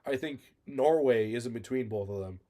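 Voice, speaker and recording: Male co-host, mellow dark tone, rambling with fillers. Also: medium pitch, normal speed. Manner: rambling, many fillers and self-corrections. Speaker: podcast co-host. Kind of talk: casual chat.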